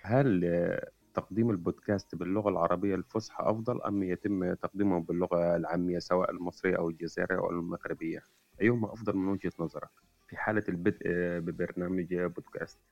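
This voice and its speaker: A man's voice: low-pitched, fairly even intonation, racing, gravelly, a little mellow, dry recording. A man with an Egyptian accent politely asking the host questions in a live audio room. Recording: dull phone-app audio.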